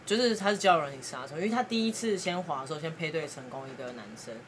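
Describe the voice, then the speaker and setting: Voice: medium pitch, rapid-fire, fairly bright tone, slight background noise. A podcast host, chatty and laughing now and then while telling a story in a casual way.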